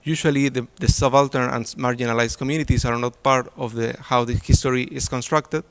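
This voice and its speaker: This conference presenter, a native Spanish speaker from Chile, delivers his academic talk briskly in a steady, medium-pitched voice. He hesitates often, filling pauses and restarting his sentences.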